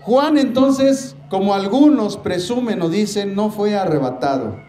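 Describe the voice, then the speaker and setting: High-voiced preacher in an echoey church. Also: male voice, lively intonation, warm tone. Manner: preaching, repeatedly addressing the congregation as brothers; emphatic, slows down to stress key words. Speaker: pastor. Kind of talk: sermon. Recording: echoey church room with faint noise.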